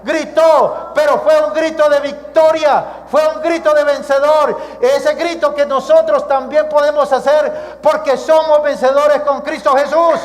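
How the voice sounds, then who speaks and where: A Colombian male pastor delivers a sermon with a very high-pitched voice, putting rhetorical questions to the congregation. His voice rings out with a long reverb tail from a church sanctuary. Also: fairly even intonation, measured pace, few pauses, slight background noise. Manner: preaching with rhetorical questions, addressing "mis amados".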